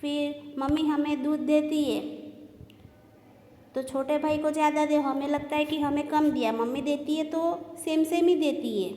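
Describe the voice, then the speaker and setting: A woman teaching a grammar lesson to children, slow and patient, listing examples and checking in with "okay". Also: sits high, a little mellow. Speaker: school teacher. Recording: echoey room with long reverb.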